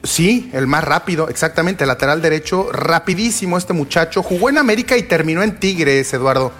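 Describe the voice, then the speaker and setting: A man hosting a casual radio talk, pausing often with fillers and restarts. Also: fairly high pitch, animated, fairly bright tone, soft background music. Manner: hesitant, many fillers and restarts. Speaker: radio show host reading sports news.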